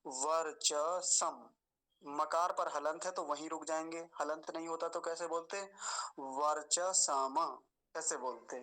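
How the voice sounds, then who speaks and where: A man patiently teaching mantra pronunciation, slowly repeating and drawing out each word. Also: on the high side, pushed and bright, low-quality recording. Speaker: Vedic recitation teacher. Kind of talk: pronunciation lesson.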